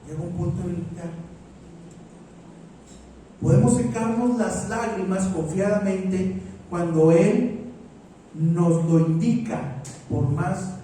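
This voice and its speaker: A man preaching a sermon as pastor, slow and deliberate, repeating his phrases. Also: sits high, warm tone, very echoey, recorded from a distance, a little hiss or hum, low-quality recording.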